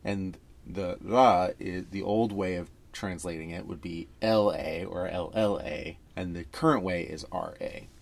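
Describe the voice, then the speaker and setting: Very low-voiced man explaining with wry asides. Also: a little slow, creaky, hardly any pauses. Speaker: podcast co-host. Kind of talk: casual film-discussion chat.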